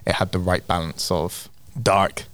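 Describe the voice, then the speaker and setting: Low, smooth man with inbuilt vocal fry. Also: level tone, measured pace, a bit bright, no room sound. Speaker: film critic, podcast guest. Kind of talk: casual chat.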